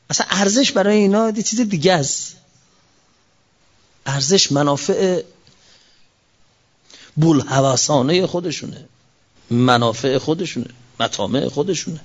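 A man preaching a fervent sermon. His voice rises and falls sharply, and he recites scripture verses slowly. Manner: fervent, with sudden rises and drops in pitch. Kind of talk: impassioned sermon. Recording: dull lo-fi recording.

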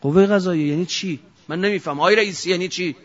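A man, a cleric, giving an impassioned political sermon, firing off rhetorical questions and swinging from shouting to low, intense speech. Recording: dull lo-fi recording.

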